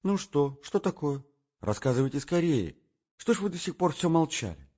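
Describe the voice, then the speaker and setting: Young emotional heroine, raised husky voice, rising and pleading, put on by a man narrator, dull recording. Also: fairly high pitch, big pitch swings, normal speed, darkish tone, voice pushed up. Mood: impatient. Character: young woman, excitable, emotional, affectionate.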